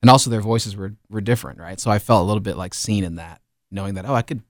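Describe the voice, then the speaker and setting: A man in his thirties, born in Liberia, telling his life story as a musician guest in a radio studio, relaxed and full of fillers. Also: lowish voice, fast talker, dry recording. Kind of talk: casual interview.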